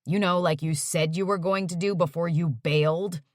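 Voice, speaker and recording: A woman's voice: lowish voice, fairly even intonation, normal speed, no echo, studio quality, natural voice. A woman voicing an uptight young man who answers curtly and mutters when annoyed. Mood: irritated. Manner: curt and muttering.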